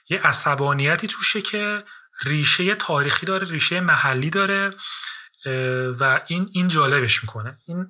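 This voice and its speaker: A man's voice: fairly high pitch, sharp tone. A man interviewing a musician, talking casually and searching for words, with many fillers and restarts.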